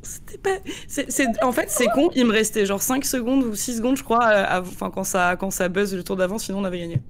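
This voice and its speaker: A woman player in a casual game discussion, talking quickly with stammers and repeated words. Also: medium pitch, background noise.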